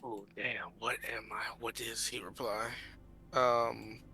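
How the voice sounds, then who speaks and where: A man takes his turn as a player in a tabletop game. He talks casually and slowly, searching for words, with a sharp, very bright tone. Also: mid-range voice, flat delivery, soft background music. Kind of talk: casual tabletop role-play.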